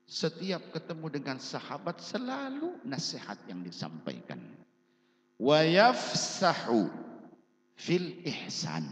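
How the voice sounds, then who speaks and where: A man preaching a sermon and telling stories dramatically, swinging between loud bursts and soft asides. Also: on the low side. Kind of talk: sermon storytelling. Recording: dull echoey hall sound.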